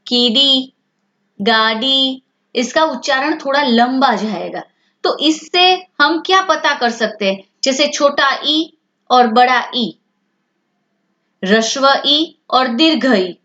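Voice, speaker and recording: A woman teacher with a fairly high voice who talks slowly and patiently. She asks her pupils a question and then answers it herself. The sound is dull and lo-fi. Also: fairly bright tone. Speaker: language teacher. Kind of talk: explaining a language lesson to children.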